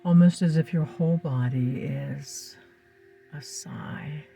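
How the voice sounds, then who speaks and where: A hypnotist leading a calm guided induction, with soft, breathy, soothing speech and slow phrases broken by lingering pauses. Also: mid-range voice, faint music behind.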